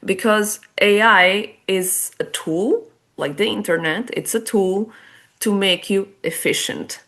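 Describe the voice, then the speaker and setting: In a chatty, casual interview, a guest author who heads business development explains her ideas in Portuguese-accented English, as a non-native speaker. She talks slowly in a medium, slightly bright voice, with many restarts and small laughs.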